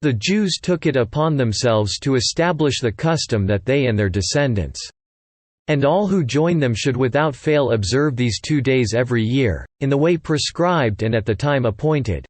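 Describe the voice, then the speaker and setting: A man reads scripture aloud at a steady, measured pace. His voice sits at an ordinary middle pitch, and the recording is close and dry, with no room sound. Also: no room sound. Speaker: Bible reader. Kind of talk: scripture reading.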